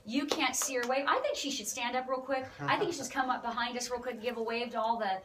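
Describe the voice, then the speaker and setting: Woman, ministry host, excited, preachy, higher voice, a bit off-mic. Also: fast, recorded from a distance, background noise.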